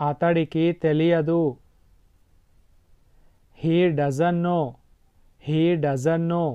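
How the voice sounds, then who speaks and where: A man with a Telugu accent teaching English phrases, saying each sentence slowly and repeating it. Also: on the high side, flat delivery, clear, resonant tone, muffled recording. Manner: slow, deliberate repetition. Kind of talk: slow sentence drill, Telugu then English twice.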